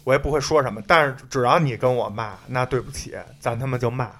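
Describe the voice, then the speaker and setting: A man's voice: medium pitch, quick pace. A man in a casual podcast chat, telling stories bluntly and with frequent swearing. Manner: blunt, profane, animated storytelling. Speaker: podcast co-host.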